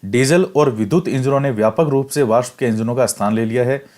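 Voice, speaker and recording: A man's voice: mid-range voice, fairly quick, a little mellow. A male teacher giving a classroom lecture, reading from a textbook and explaining it step by step, repeating key facts.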